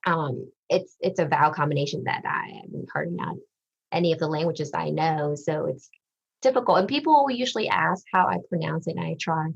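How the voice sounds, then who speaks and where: A woman from Vietnam, a social worker and therapist, giving thoughtful, measured answers in a podcast interview. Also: low-pitched, creaky, slightly rough, muffled recording. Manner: thoughtful, measured, with frequent ums.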